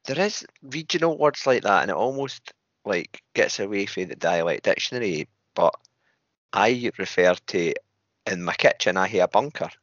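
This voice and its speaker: A man's voice: lowish voice, lively intonation, moderate pace, fairly bright tone, no echo, lo-fi sound. A man with a Scottish accent hosting a podcast in casual, rambling, jokey chat. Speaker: podcast host.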